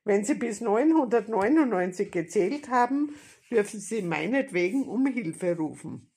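A woman voicing a gruff, bossy male robber in a storybook reading, barking commands and growling threats. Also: mid-range voice, expressive, unhurried, mellow, pitched above the performer's own voice. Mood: gruff, threatening.

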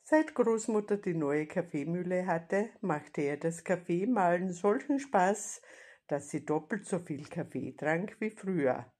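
Lady reading a kids story really slow, low breathy voice. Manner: slow, calm reading aloud. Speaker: narrator.

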